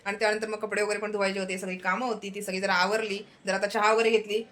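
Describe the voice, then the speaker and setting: A woman's voice: mid-range voice, little pitch movement, fast, a bit bright. A young woman chatting casually to viewers in a home vlog, pointing things out as she goes. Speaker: vlogger.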